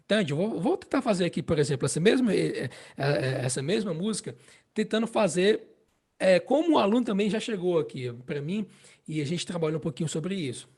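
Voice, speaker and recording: A man's voice: high-pitched, lively intonation, a little mellow, husky. A man with a Brazilian Portuguese accent teaching harmonica in a casual spoken lesson, explaining patiently and often checking in with the listener. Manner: explains slowly, repeats phrases, checks with "né?" and "entende?".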